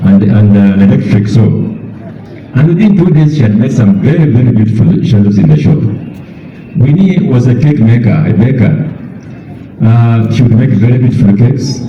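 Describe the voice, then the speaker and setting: A mature Kenyan man giving a eulogy as a bereaved father, speaking deliberately and repeating words for emphasis. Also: mid-range voice, a little hiss or hum. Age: middle-aged or older. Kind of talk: eulogy speech. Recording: echoey, distant, dull public-address sound.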